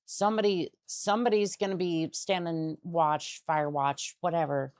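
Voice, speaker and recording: A woman's voice: fairly low pitch, fairly even intonation, moderate pace, a little mellow, no room sound. A young adult woman streamer chatting casually while playing a game, rambling and often restarting her sentences. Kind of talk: casual gaming stream chat.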